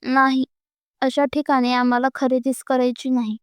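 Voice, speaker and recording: Woman doing hot-tempered young man, protective, storybook audio, high voice, dry sound. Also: flat delivery, normal speed, clean tone, no echo, close to an everyday voice. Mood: indignant.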